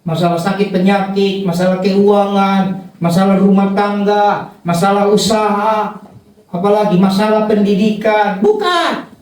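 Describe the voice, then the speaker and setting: A man's voice: sits high, a little slow, a little mellow. A male pastor preaching a sermon, telling humorous, self-mocking stories. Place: church hall. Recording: echoey church hall from far off.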